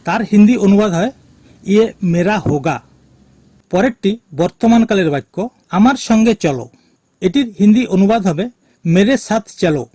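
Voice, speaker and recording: A man teaching a language lesson, speaking slowly and deliberately and repeating each phrase for learners. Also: sits high, lively intonation, dark tone, no room sound. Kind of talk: slow spoken language lesson.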